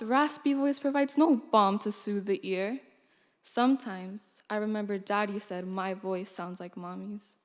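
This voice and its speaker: Young woman reciting poetry in a hall. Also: mid-range voice. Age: late teens. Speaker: student reciter. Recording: long hall reverb.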